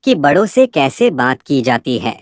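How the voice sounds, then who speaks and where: A woman voicing a sharp-tongued teenage daughter who talks bluntly and scolds in a spoken story. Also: a bass voice, big pitch swings, a little slow, no room sound, studio quality, exaggerated voice.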